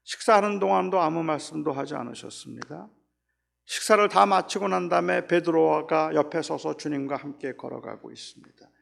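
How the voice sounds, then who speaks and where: A man preaching a reflective sermon as pastor, acting out quoted dialogue and dropping suddenly soft. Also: on the high side, creaky.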